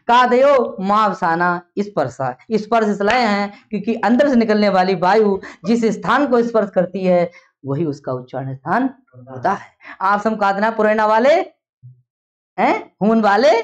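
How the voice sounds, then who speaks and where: A woman teacher giving a classroom lecture, explaining step by step and drilling her students with repeated questions. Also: medium pitch. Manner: explains step by step, checks understanding often. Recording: dull lo-fi classroom recording.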